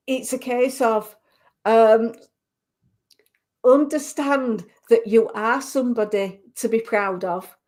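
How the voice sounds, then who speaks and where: Her voice fairly high, a woman from Yorkshire delivers a psychic reading live on air. She reassures gently and keeps restarting what she's saying.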